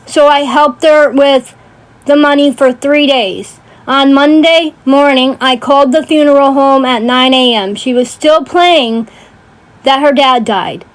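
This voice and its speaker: A woman with a high voice rants casually on her livestream at an unhurried pace, blunt and full of swearing. She keeps checking in with emphatic tag questions.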